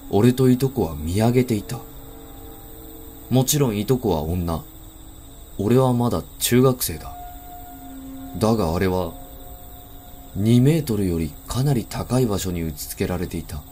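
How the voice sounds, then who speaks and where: Male horror narrator, low pitch, suspenseful deliberate ghost story reading, prominent background music. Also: expressive, warm tone.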